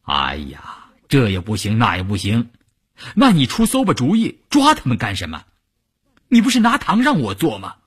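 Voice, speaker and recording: A male storyteller voicing a blunt, hot-headed male faction commander who gets flustered and excitable. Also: a little slow, husky, exaggerated voice. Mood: agitated. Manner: flustered, excitable, cries out high. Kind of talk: traditional storytelling.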